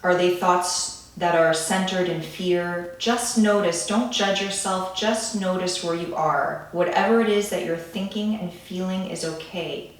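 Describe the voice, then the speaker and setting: A woman leading a calm grounding meditation in a gentle, soothing way, with pauses between phrases. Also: lowish voice. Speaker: meditation guide. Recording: echoey room, distant from the mic.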